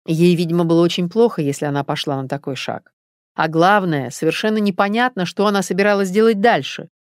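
A woman reading a calm male detective who lays out his reasoning in a measured way. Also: on the low side, dry recording, clean studio sound, natural voice. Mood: explaining. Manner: measured, explaining.

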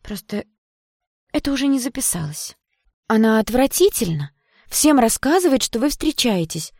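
A jealous young woman from an audiobook who coos sweetly and flips to shrill, spiteful shouting, voiced by a woman reading. The voice sits well above the reader's own and carries a gravelly rasp. It is dry and close, with no room around it. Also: very animated, moderate pace, dry recording. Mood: wheedling. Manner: cooing, wheedling, turning to shrill shouting.

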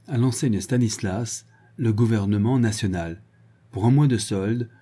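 A man narrating a classic short story in a low, husky voice. His tone is dark and mellow, measured and expressive. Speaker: audiobook reader. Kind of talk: literary narration.

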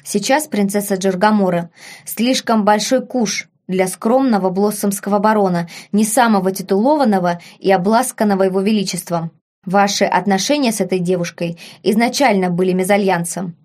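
A cold, patronizing older uncle lecturing quietly in a flat, superior tone, as a woman reader puts him on. It is an audiobook reading with measured delivery. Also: mid-range voice, close to an everyday voice.

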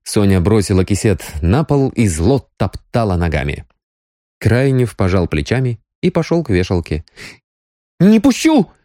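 Man, audiobook narrator, very deep, lively intonation, expressive reading. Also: normal speed, no echo, studio quality. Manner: expressive storytelling.

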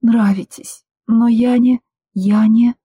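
A woman voicing a frightened young nurse who pleads in a high, tearful voice. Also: normal speed, warm tone, breathy edge, no echo, clean studio sound.

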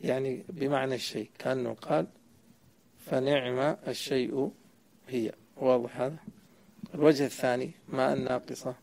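A man's voice: medium pitch, fairly even intonation, moderate pace, gravelly, a little mellow. A man explaining a grammar poem to a student, quizzing and correcting him as he goes. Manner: asks the student questions and corrects answers. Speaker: sheikh teaching Arabic grammar.

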